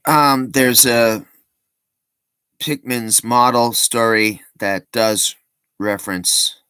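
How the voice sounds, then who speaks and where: A man's voice: medium pitch, fairly even intonation, extremely slow, sharp tone, smooth, dry recording. A man giving casual, rambling commentary as a vlogger, breaking off with joking asides and plenty of ums and restarts.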